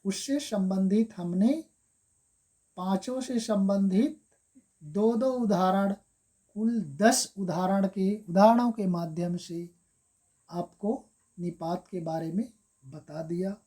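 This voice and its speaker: A woman's voice: mid-range voice, slow pace, pauses often, mellow. A woman teaching Hindi grammar for exam preparation, going through examples step by step and repeating them with stress on key words. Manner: addresses viewers as friends, step-by-step explaining. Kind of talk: exam-prep grammar lesson.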